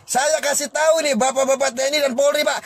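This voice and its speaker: High-voiced man ranting defiantly on livestream. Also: steady tone, quick pace, no room sound. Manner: confrontational, defiant, scolding. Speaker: livestream host. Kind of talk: heated livestream rant.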